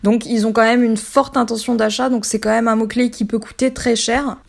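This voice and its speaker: A woman's voice: fairly high pitch, little pitch movement, normal speed, gravelly. Chatty French woman explaining web basics. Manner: chatty, many fillers like "du coup" and "bah". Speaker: online marketing trainer. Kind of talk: casual explainer lesson.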